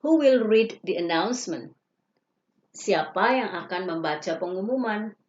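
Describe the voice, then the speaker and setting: A woman teacher reading English example questions slowly and carefully, each followed by its Indonesian translation. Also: mid-range voice, animated, darkish tone. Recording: dull lo-fi recording.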